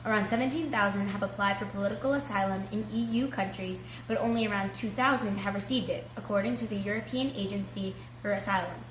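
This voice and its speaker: A woman's voice: medium pitch, fast, hardly any pauses, a bit bright. Echoey-sounding woman reporter reading news. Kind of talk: scripted news report and interview. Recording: echoey room with faint noise.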